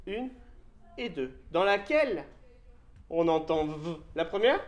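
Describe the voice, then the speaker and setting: A man teaching young children in a classroom, speaking slowly and patiently through a face mask and sounding out letters. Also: on the high side, sing-song. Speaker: primary school teacher. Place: school classroom. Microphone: handheld mic held by a pupil.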